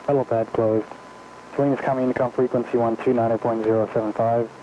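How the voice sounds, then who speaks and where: A man reading a recorded airport weather broadcast over aviation radio in a rapid monotone, listing weather and airfield notices. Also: medium pitch. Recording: muffled aviation radio with faint static.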